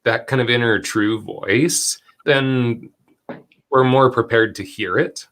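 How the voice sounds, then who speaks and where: A man hosting a conversational talk, relaxed and affirming as he builds on his guest's points. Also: medium pitch, slow.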